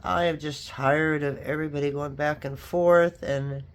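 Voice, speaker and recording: This craft vlogger sounds sniffly and stuffed up, maybe from allergies or a cold, while casually talking through a hands-on project. The middling-pitched voice keeps a steady tone at a moderate pace, and the audio is clean. The chat rambles, full of frequent asides.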